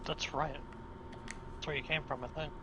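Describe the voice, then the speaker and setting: A man's voice: a little high, level tone, normal speed, background noise. A young man co-streaming a game, making dry sarcastic remarks in casual chat.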